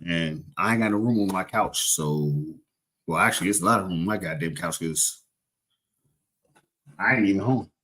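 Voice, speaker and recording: A fairly low-pitched young man talks casually to viewers on a livestream. He rambles, jokes and corrects himself as he goes. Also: normal speed, pauses often, sharp tone. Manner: rambling, self-correcting, joking. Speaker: livestream host.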